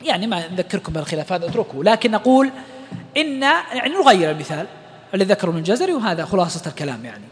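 A man teaching the rules of Quranic recitation, explaining each rule and then chanting short verse examples slowly. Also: sits high, big pitch swings, in a large hall. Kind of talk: tajweed lesson.

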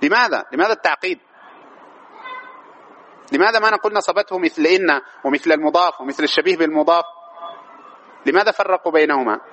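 A man's voice: high voice, bright, forceful tone, a little hiss or hum, poor audio. A man teaching a grammar lesson, constantly quizzing his students with repeated questions.

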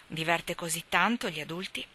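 A woman's voice: fairly low pitch, moderate pace. A woman voicing a cheeky, playful baby boy in a children's story. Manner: lively, bold.

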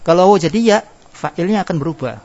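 A man's voice: sits high, expressive, fast, a little mellow. Man teaching grammar, dull lo-fi recording. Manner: explains step by step, asks the class questions and answers them himself. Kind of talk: classroom lesson.

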